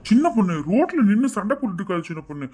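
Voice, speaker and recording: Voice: mid-range voice, big pitch swings, very fast, a little mellow, slightly rough. A voice actor playing a young husband who pleads with his mother and his wife in turn, exasperated. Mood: pleading. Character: harried young husband caught in the middle.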